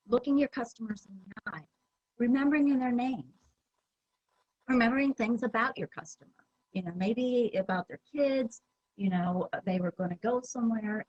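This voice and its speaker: A woman's voice: on the high side, darkish tone, husky, no echo, lo-fi sound. A woman giving a conference presentation, talking in a conversational way with many fillers and restarts. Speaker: presenter at a user group meeting.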